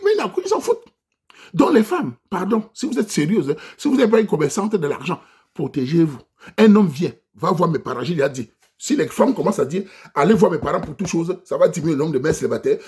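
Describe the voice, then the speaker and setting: Husky, animated Cameroonian man ranting. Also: fairly high pitch, quick pace. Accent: Cameroonian French. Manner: preachy, exhorting, addresses listeners directly. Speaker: vlogger addressing his diaspora audience. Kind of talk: impassioned monologue rant.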